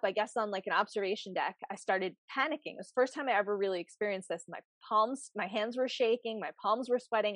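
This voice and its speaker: A woman from the United States hosting a podcast interview, chatting casually and telling stories in an animated way. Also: mid-range voice, dry recording. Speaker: podcast host.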